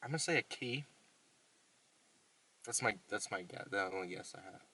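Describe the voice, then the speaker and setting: A man playing along as a clueless novice driver, giving mumbled, deadpan absurd answers inside a car. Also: lowish voice, normal speed, slightly rough, recorded from a distance. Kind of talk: casual comedic banter.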